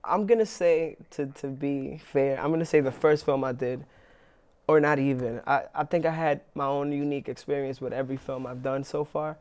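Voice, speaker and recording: A young man, an actor, speaks casually in an interview, restarting often and filling gaps with fillers in a relaxed, halting way. His voice is mid-range with a clean tone, and he comes from Inwood in New York.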